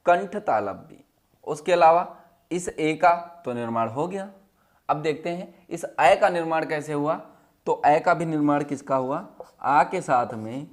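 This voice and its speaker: A male teacher with a fairly high voice leads a lesson, asking questions over and over and repeating each answer. His voice sinks low and quiet whenever he gives the answer. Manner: drops to a low, quiet voice when giving the answers. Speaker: Hindi teacher. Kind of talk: classroom lesson.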